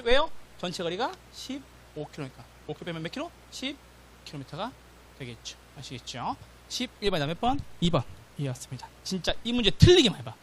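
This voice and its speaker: A man teaching a real estate exam prep class, drilling students with quick questions and checks of whether they follow. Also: sits high. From South Korea. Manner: animated, drills students with rapid question-and-answer, repeats "got it?". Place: classroom lecture recording.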